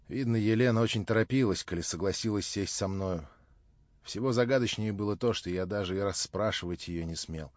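A man narrating an audiobook of a classic novel in an earnest, measured way. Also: fairly low pitch, a little mellow, no echo. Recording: dull lo-fi dry recording.

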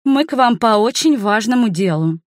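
Woman voicing a cheeky young air mage girl, high and quick, pushy, dry close audiobook sound. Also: expressive, no room sound, lightly acted. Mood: bubbly, pushy.

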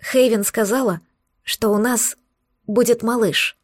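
A woman's voice: a little high, steady tone, a little slow, no echo. A woman reading a young, emotional woman who is the demon's mate, in a dry close recording. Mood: tearful. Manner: friendly, then tearful.

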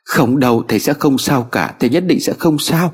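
A man's voice: medium pitch, sing-song, fairly quick, a little mellow, husky. A man voicing a desperate young girl who pleads and sobs over her dying teacher. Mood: pleading. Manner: pleading, sobbing.

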